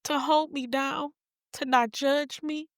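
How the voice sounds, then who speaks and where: A woman's voice: sits high, steady tone, slow pace, no room sound, studio quality. A woman hosting a podcast, talking in a heartfelt, affectionate, folksy way. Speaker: podcast host. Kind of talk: heartfelt casual chat.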